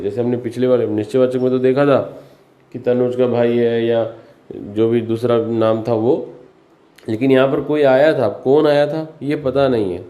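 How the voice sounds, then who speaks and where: Patient male grammar teacher, mellow voice. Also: mid-range voice. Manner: patient, explains each point with examples; speaks with repetitions and self-corrections. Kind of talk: classroom-style grammar lesson.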